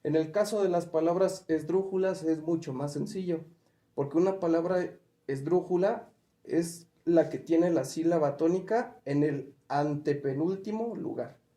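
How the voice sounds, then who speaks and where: Speaking a little slowly in a warm, fairly high voice, a man teaches spelling patiently and methodically. He asks questions, works through examples, and the room lends an echoey sound.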